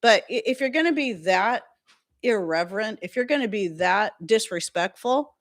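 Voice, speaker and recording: A woman's voice: medium pitch, animated, moderate pace. A woman with a Southern US accent, hosting a live stream in a casual, sassy and emphatic way. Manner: sassy and emphatic, laughs often.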